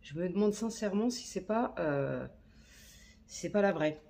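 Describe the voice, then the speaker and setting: A woman's voice: lowish voice, animated, normal speed, vocal fry, mellow. A woman chatting casually while filming a makeup tutorial on her phone, slangy and talking to herself as she works. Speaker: beauty vlogger. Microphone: phone camera.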